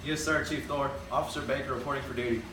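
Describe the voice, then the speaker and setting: A man's voice coming over a walkie-talkie, clipped and formal like police radio chatter. He is fairly distant from the mic in an echoey room, with a steady wash of background noise. His pitch sits in an ordinary middle range. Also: fast talker. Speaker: officer in a comedy skit. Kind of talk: amateur comedy sketch.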